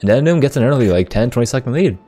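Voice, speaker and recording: A man commenting live on an esports race, upbeat and easily excited by split times, often filling with "like". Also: mid-range voice, rapid-fire, faint music behind.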